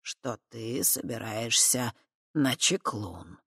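A reader voicing a calm, kindly fat horned man who speaks softly and deliberately. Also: mid-range voice, vocal fry, breathy edge, no echo, clean studio sound, pitched below the performer's own voice, heavily acted. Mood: gentle. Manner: slow, soft, measured. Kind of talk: audiobook character voice.

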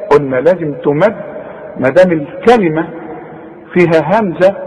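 High-voiced Egyptian Arabic tajweed teacher. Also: male voice, darkish tone, big-room sound, low-quality recording. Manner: patient, corrective, demonstrates recitation slowly then explains quickly. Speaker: Quran recitation teacher. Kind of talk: tajweed lesson correcting a student.

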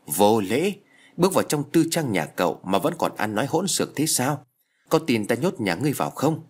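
Stern elderly exorcist, scolding and commanding, read by a male narrator, husky. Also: mid-range voice, sing-song, brisk.

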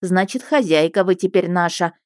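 A woman's voice: fairly low pitch, moderate pace, dry recording, studio quality, lightly acted. A woman voicing a fussy, doting village peasant woman who clucks and laments in folksy speech. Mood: fussing.

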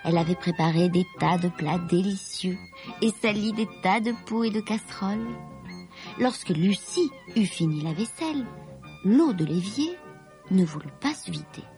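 A woman reading a children's story aloud in a slow, expressive, lilting way. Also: medium pitch, faint music behind.

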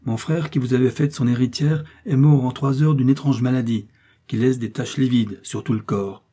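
A man voicing an English nobleman who forcefully accuses and demands justice in an audiobook. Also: medium pitch, steady tone, normal speed, lightly acted. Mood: accusing.

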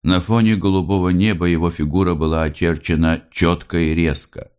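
A man narrating a novel aloud in a measured, unhurried reading. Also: low voice, fairly even intonation, darkish tone, clear, resonant tone. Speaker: audiobook reader. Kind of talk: scripted literary narration.

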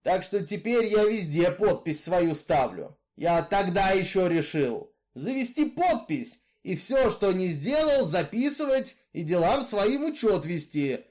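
A man's voice: sits high, big pitch swings, a little slow, hardly any pauses, a little mellow, pitched above the performer's own voice. Man doing a bitter brooding outlaw. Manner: rough folksy drawl, brooding, growling at times. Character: brooding bitter male killer, middle-aged outcast.

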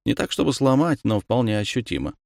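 A man narrating an audiobook in the first person, calm and measured. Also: mid-range voice, gravelly, dry recording, studio quality.

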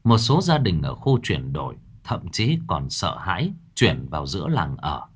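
Male narrator for a horror audiobook; dramatic telling with lively, rising and falling pitch. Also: normal speed, husky. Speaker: storyteller.

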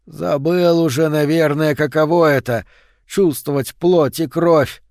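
A man voicing an unshaven, exhausted, half-mad man who speaks in a slow, hoarse, menacing drawl. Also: a little high, steady tone, a little mellow, dry recording, studio quality.

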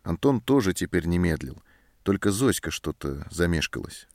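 A man reading a story aloud in calm, measured scripted narration. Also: deep voice, creaky, no room sound, clean studio sound. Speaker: audiobook narrator. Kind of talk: scripted narration of a war novel.

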